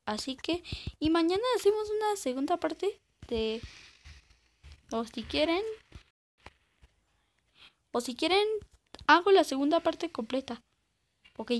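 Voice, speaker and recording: A woman gives casual, hesitant commentary while playing a game and sometimes squeals in panic. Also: high voice. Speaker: gaming channel host.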